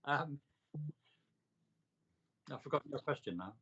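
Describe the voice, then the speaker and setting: An older man telling reflective personal stories in an interview, with a measured, emphatic delivery in short, deliberate phrases. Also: mid-range voice, animated, sharp tone, slightly rough, muffled recording. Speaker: interviewee recounting a hospital stay.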